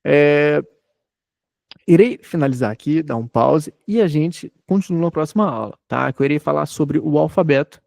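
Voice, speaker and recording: A man's voice: fairly high pitch, lively intonation, moderate pace, vocal fry, darkish tone, no echo, clean studio sound. A man in his thirties from Brazil, giving an online lecture, explaining patiently and checking in often with his students. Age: 30s. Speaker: teacher.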